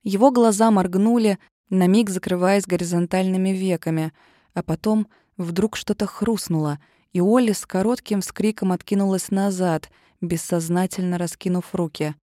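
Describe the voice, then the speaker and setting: A woman narrating a first-person fantasy story with expressive, tense storytelling. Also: on the low side, normal speed, no echo, studio quality. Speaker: audiobook narrator.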